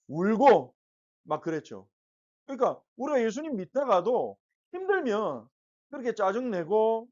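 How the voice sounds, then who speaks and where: A woman teaching a Bible lesson to children, telling the story with lively questions to the kids. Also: medium pitch. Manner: animated storytelling, asks the kids questions and acts out quotes. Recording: muffled lo-fi recording.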